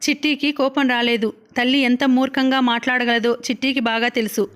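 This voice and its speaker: A woman narrating a novel as an audiobook in a steady, expressive storytelling manner. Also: fairly high pitch, a little fast. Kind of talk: novel reading.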